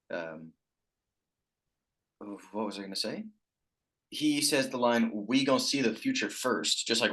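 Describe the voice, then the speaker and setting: Low-voiced rambling young man. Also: fairly bright tone. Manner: rambling, crude, trails off and restarts. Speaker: podcast co-host. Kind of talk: casual podcast banter.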